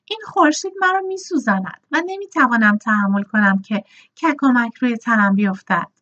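A woman's voice: a little high, animated, a bit bright, muffled recording. Woman playing a whiny impatient young girl. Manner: impatient, complaining.

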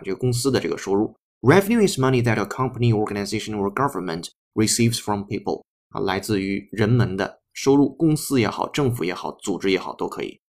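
A man teaching English, explaining a text line by line at a slow, patient pace and spelling words out letter by letter. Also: lowish voice.

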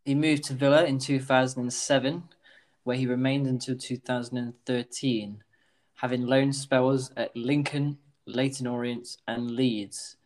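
A man's voice: mid-range voice, fairly even intonation, a little slow, darkish tone. A man playing a casual football guessing game, thinking aloud and making hesitant guesses. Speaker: quiz contestant. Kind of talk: casual football quiz chat.

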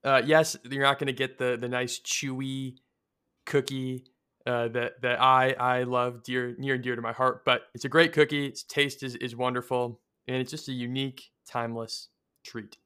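A man's voice: mid-range voice, little pitch movement, normal speed, pushed and bright, clean tone. A man co-hosting a casual podcast, chatting in an easygoing, laid-back way.

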